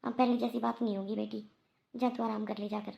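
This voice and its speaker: A woman's voice: medium pitch, little pitch movement, fairly quick, vocal fry, dull audio, slight background noise. A woman voicing a middle-aged mother-in-law in a cartoon, remorseful and kindly, who reassures and repeats herself. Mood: reassuring. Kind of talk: Hindi cartoon voice acting.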